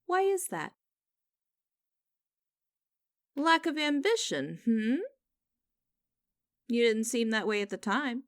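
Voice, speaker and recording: In a scripted audio roleplay, a woman plays a stern, mocking young company boss, speaking formally, deliberately, and condescendingly. Her voice is a little high and expressive, with studio quality and no echo.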